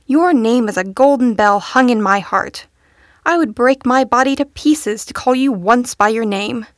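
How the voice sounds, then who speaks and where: A woman's voice: fairly high pitch, normal speed, no room sound, studio quality, natural voice. A woman voicing a giddy male butterfly who rambles through quotes and songs in a playful, sing-song way. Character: giddy dandy male butterfly, quoting nonsense.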